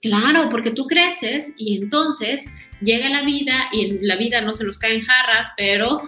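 A woman, a parenting guest expert, explains calmly. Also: fairly high pitch, a little slow, echoey room, soft background music. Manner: explains calmly, acts out scolding parents in a raised voice. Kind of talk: conversational podcast interview.

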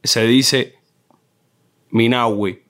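A middle-aged man with a Cuban Spanish accent, a film director chatting as a guest and telling animated stories, often mimicking how people in other regions talk. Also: medium pitch, extremely slow. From Cuba. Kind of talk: casual conversation.

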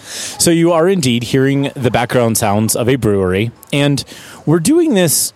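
A man co-hosting a casual podcast chat, animated and quick to laugh, recorded live in a brewery. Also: mid-range voice. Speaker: podcast co-host. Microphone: single shared microphone.

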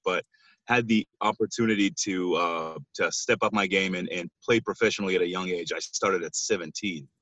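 A man from Israel with a fairly low voice talks as a guest coach, tired from little sleep. He speaks thoughtfully and pauses now and then. The audio is dry and a bit dull, like a remote call. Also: a bit bright, no echo. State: sleep-deprived. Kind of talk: casual interview.

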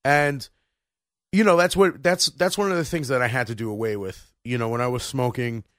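A man's voice: mid-range voice, steady tone, brisk, fairly bright tone, no echo. Rambling man in his thirties, dry sound. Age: 30s. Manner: rambling, full of restarts and "you know". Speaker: podcast co-host. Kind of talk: casual chat.

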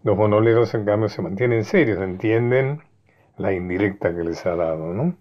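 A man narrating a history story in a relaxed, conversational way, often asking his listeners for agreement. His voice sits low, and the recording sounds dull and lo-fi. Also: normal speed.

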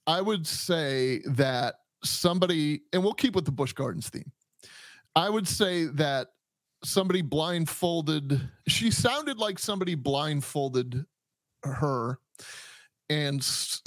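A man hosts a casual podcast, joking about a clip in halting bursts with frequent restarts. His voice sits a little high for a man, and the recording is dry and close. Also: lively intonation, no room sound. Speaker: podcast host, police officer.

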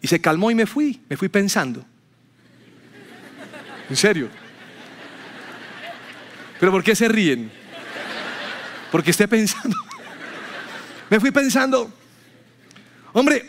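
A man's voice: high-pitched, animated, moderate pace, long pauses, fairly bright tone, a little hiss or hum. A man preaching a sermon to a church congregation, telling stories and acting out the people he quotes. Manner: storytelling, acts out quotes with rising voice. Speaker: pastor.

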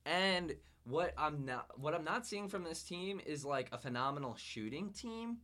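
Guy cohosting a sports podcast, rambly, thinks out loud, laughs a lot. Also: a little high, expressive, a little slow. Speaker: podcast co-host. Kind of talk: casual sports podcast chat.

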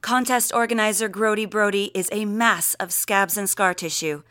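An actress playing an earnest, deadpan field reporter on a parody public radio newscast. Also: female voice, mid-range voice, no echo, clean studio sound, close to an everyday voice. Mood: measured. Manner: measured, deadpan. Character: earnest female field reporter, quietly baffled.

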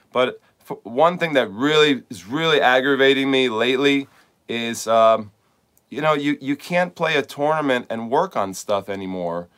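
A man's voice: medium pitch, fairly bright tone. A middle-aged man, a tennis coach hosting a podcast, talking in a casual, rambling monologue full of repeated words and "like.".

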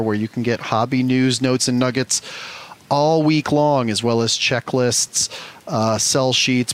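Guy hosting a live stream giveaway, upbeat, stretches out the winners' names. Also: medium pitch. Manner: upbeat, reads winners' names slowly like an announcer. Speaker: show host. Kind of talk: live show giveaway announcements.

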